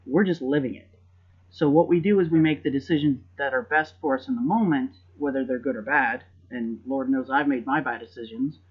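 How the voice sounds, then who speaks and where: A man's voice: medium pitch, brisk, husky, muffled recording. A man hosting a podcast in casual chat, rambling and reflective and often repeating words as he thinks. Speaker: podcast host.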